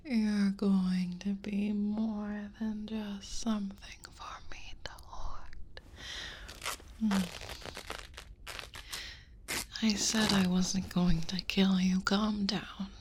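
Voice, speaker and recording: A woman's voice: medium pitch, flat delivery, darkish tone, slight background noise, natural voice. Woman whispering as a possessive female dragon. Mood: possessive teasing. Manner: slow breathy whisper, predatory and teasing. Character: hungry possessive female dragon, menacing then seductive. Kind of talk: whispered audio roleplay.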